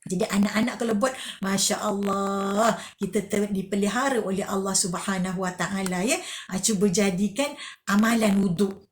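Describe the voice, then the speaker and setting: A woman's voice: mid-range voice, fairly even intonation, moderate pace. A woman gives a religious lesson to children. She asks questions, answers them herself and repeats key phrases. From Malaysia. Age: 50s. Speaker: religious teacher.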